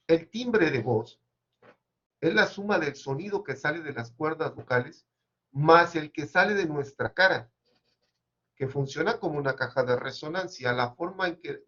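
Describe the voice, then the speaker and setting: A man giving an academic seminar presentation, measured and explanatory with occasional hesitations, on a dull lo-fi recording. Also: on the high side, pushed and bright.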